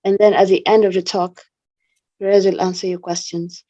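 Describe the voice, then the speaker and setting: Host, woman; formal scripted intro, mellow tone. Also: mid-range voice, level tone, moderate pace, lo-fi sound. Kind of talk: reading an introduction.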